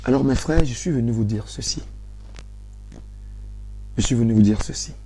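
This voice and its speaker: A Cameroonian man with a very dark, mellow voice addresses his live-stream audience. His Cameroonian French accent carries a low-key, soft-spoken delivery. He keeps repeating himself, pleading and pressing the point with growing urgency. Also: moderate pace, breathy edge. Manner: insistent, repeats phrases, pleading.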